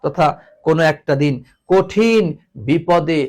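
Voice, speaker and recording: A man's voice: on the high side, a little slow. A man teaching an English grammar class, repeating each word and teasingly scolding his students. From Bangladesh.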